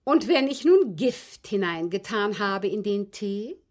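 In a German radio drama, an actress gives voice to a genteel, abused woman owning up to a poisoning before the police, confiding and intense. Her medium-pitched, husky, breathy voice is sing-song, with deliberate, emphatic phrasing.

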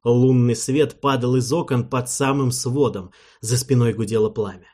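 A man reads an audiobook aloud with measured, storytelling pacing. His voice sits at a mid pitch, and its tone is husky rather than clean. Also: fairly even intonation, darkish tone. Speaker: narrator. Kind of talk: audiobook narration.

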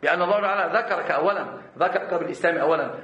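Fast, bright-voiced man teaching. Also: on the high side, reverberant, highs cut off. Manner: rapid, restarts words, stammering repeats. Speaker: religious teacher. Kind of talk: Islamic creed lesson.

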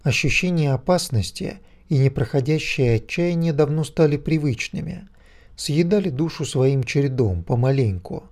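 A man narrating a story in a calm, measured audiobook reading. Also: fairly high pitch.

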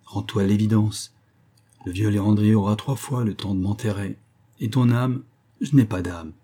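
A man voicing a resigned, self-loathing man in an audiobook, in a flat, defeated tone. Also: lowish voice, moderate pace, close to an everyday voice. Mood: weary.

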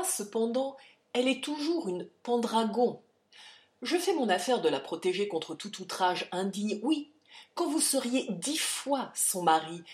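A woman reading aloud, voicing a proud young gentleman who defends his sister indignantly. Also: medium pitch, natural voice. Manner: indignant, shouting.

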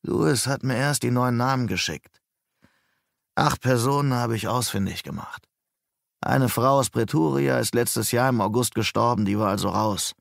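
Self-important male private eye, boastful and defensive, read by a man in a gravelly voice. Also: mid-range voice, normal speed, no echo, clean studio sound, close to an everyday voice.

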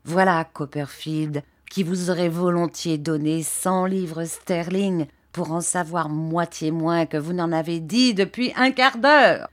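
A woman voicing a sly, bitter young man who speaks low and resentfully. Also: slow, few pauses. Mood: furious. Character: sly, bitter young clerk, cornered and sullen.

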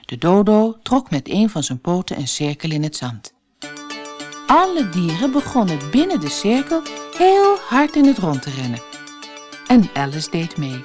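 Storyteller, woman from the Netherlands, lively children's story reading, lowish voice, soft music behind. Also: a little slow. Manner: lively, expressive narration.

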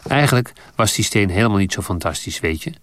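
A man voicing a calm, kindly old headmaster who explains things gently in a storybook reading. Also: on the low side, quick pace, no echo. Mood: calm, wise.

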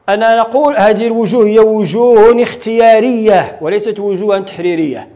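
High-voiced Moroccan sheikh teaching recitation. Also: male voice, darkish tone. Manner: explains step by step, asking and answering his own questions. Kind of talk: classroom lecture.

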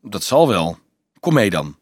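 A man's voice: fairly low pitch, big pitch swings, unhurried, husky, no echo, exaggerated voice. A man voicing an eager young tanner boy in a storybook reading, tumbling over his explanations.

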